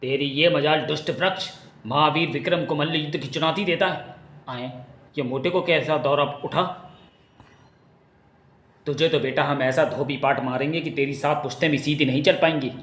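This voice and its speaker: A man's voice: on the high side, steady tone, moderate pace, fairly bright tone, lightly acted. A man doing a naive, simple-minded fat king. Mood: boastful. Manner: naive, whiny. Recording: echoey room.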